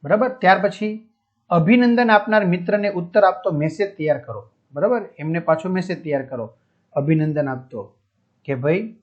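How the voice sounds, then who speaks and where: A man's voice: a little high, husky. A man teaching a school lesson, going through textbook exercises step by step and checking in with his students. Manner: explanatory, checks with listeners. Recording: dull lo-fi sound.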